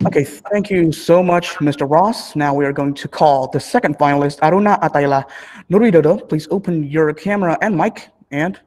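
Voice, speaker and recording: A man's voice: on the high side, normal speed, a little mellow. A man hosting an online competition on a video call, announcing finalists in a formal, polite way. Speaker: host. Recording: reverberant room on a call.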